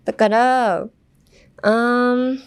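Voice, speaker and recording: A woman's voice: fairly high pitch, fairly even intonation, extremely slow, clear, resonant tone. A young woman hosting a casual language-lesson podcast, explaining phrases in a chatty way and laughing lightly now and then. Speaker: podcast host.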